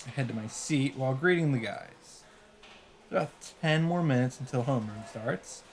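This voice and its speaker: Over the loud background music of a visual novel, a let's player reads the narration and makes wry, offhand remarks. He has a medium-pitched voice with lively intonation at normal speed, and there's a little hiss or hum.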